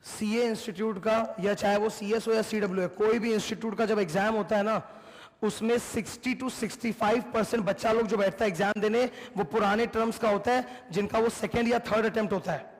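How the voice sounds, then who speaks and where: A man's voice: high voice, steady tone, fairly quick. An Indian man teaching a class, emphatic and repetitive, mixing Hindi and English as he lectures. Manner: mixes Hindi with English, emphatic, repeats points. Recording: long hall reverb.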